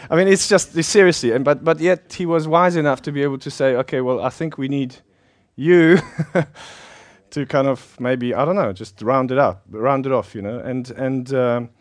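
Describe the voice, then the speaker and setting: A man's voice: medium pitch, moderate pace, no room sound. Man, South African accent, Polish native, middle-aged pastor, chatty, laughs a lot, dry close sound. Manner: chatty, self-deprecating, laughs often. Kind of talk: informal preaching to a congregation.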